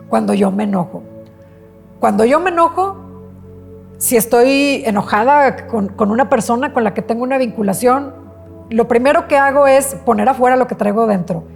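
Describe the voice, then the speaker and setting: A female psychologist speaking to camera, giving calm, unhurried self-help advice with speech and frequent self-corrections. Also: fairly high pitch, vocal fry, faint music behind. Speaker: psychologist and therapist.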